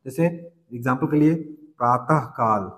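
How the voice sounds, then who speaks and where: A man's voice: mid-range voice, a little slow, a bit bright. A male teacher giving a classroom lecture, explaining step by step, asking the class questions and answering them himself. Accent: Chhattisgarh Hindi. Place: coaching classroom. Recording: long reverb.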